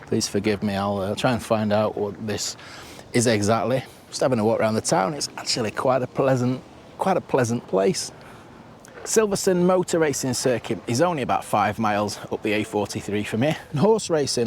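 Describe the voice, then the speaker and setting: With background music behind him, a man hosts a travel vlog as a loose walking tour of the town, frequently restarting and addressing the viewer with asides. He sounds low, animated, brisk, and a little mellow, with a faint hiss or hum on the recording.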